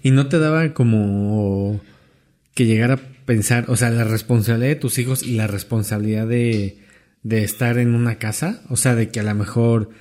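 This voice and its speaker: A man hosting an interview, asking relaxed, rambling questions with casual slang. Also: mid-range voice, normal speed. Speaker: podcast host.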